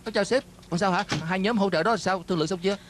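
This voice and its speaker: An anxious male film crew assistant, dubbed by a man in a TV drama. He sounds placating and apologetic, with a fairly high voice. Faint music plays underneath. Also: rapid-fire, noisy background, lightly acted. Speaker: dub actor. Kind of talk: Vietnamese dub of a TV drama.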